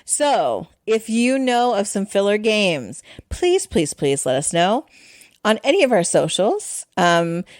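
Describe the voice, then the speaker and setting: A woman's voice: medium pitch, big pitch swings, slow, no echo. Chatty rambling woman, dry close sound. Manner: chatty and rambling, self-deprecating. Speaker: podcast co-host. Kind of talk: casual chat.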